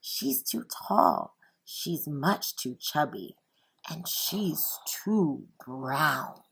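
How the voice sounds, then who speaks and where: A woman reading a storybook as a mean, judgmental child, hushed and whispering. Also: deep voice, big pitch swings, drawn-out words, vocal fry, breathy edge, full character voice. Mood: snide.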